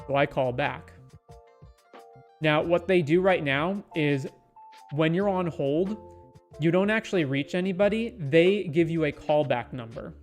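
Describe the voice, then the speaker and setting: A man's voice: fairly high pitch, measured pace, faint music behind. A man telling a long, exasperated story in a casual, rambling way. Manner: exasperated, rambling anecdote with quoted asides.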